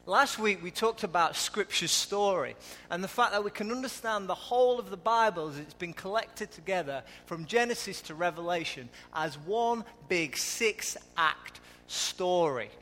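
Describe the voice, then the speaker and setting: Lancashire male preacher, conversational, high and forceful, live in a reverberant church. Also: lively intonation, moderate pace. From Lancashire, England. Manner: conversational, asks the audience questions. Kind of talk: live sermon. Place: church hall.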